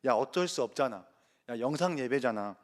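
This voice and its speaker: A man voicing a male devil who whispers lies in a casual, persuasive way, lower and softer than his preaching voice. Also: animated, brisk, close to an everyday voice. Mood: coaxing. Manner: casual, persuasive tempting talk.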